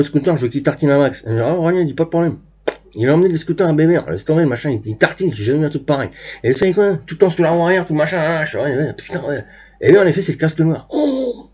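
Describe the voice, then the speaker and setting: A man's voice: fairly high pitch, animated, rapid-fire, warm tone, breathy edge. A man telling a long rambling anecdote to his viewers, full of crude slang, asides and restarts, on a dull lo-fi recording. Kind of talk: rambling anecdote told to camera.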